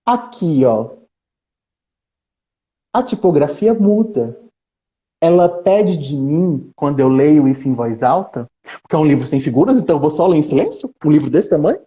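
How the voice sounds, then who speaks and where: A man's voice: on the high side, moderate pace, muffled recording. A man, a researcher, chatting as a guest on a live stream and acting out book lines with shifting intonation. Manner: animated, dramatizes book reading with shifting intonation. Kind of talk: casual chat on a live stream.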